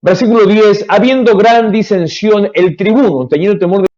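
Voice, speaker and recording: A middle-aged male pastor, preaching an emphatic, animated live devotional sermon with asides. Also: sits high, moderate pace. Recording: dull lo-fi livestream audio.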